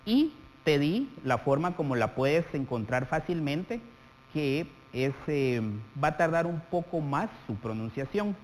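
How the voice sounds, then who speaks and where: A man from Guatemala teaches a televised lesson in a fairly high voice with a very lively, rising and falling pitch. He talks directly to the viewer and draws out the example words slowly as he dictates them. The studio has a long reverb, with a faint hum underneath.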